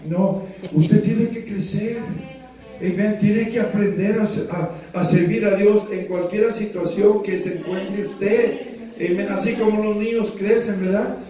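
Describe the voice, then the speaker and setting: A middle-aged pastor with a fairly high voice preaches a fervent sermon. He moves between Spanish and English and punctuates his points with amens. His voice rings through an echoing church hall, picked up from a distance. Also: steady tone, a little slow, mellow, soft background music.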